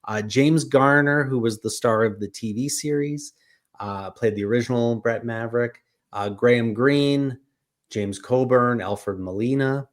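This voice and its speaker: A man's voice: mid-range voice, measured pace. A man hosting a casual film podcast, rambling through credits and filming places with many fillers. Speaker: podcast host.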